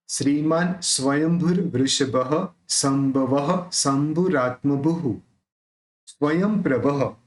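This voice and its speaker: Indian male chant teacher, mid-pitched, slow and deliberate, recites and then explains. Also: rough recording. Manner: chants verses slowly, then explains quickly. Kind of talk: pronunciation lesson.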